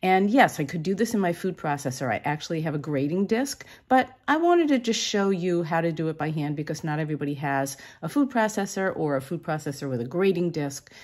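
A woman's voice: low-pitched, darkish tone, husky. A woman hosting her own cooking channel, talking casually and upbeat through each step of her meal prep in a home kitchen.

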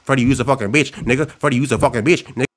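A man's voice: mid-range voice, fairly even intonation, very fast, slight background noise. A young man doing let's play commentary, hyped and profane, trash-talking the game's villain and repeating taunts over and over. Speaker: gaming YouTuber.

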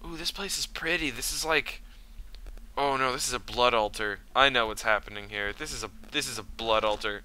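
A man's voice: medium pitch, moderate pace, pushed and bright, poor audio. A man giving casual let's play commentary as a scared horror game streamer, uneasy and mixing muttered asides with exclamations. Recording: music behind the voice.

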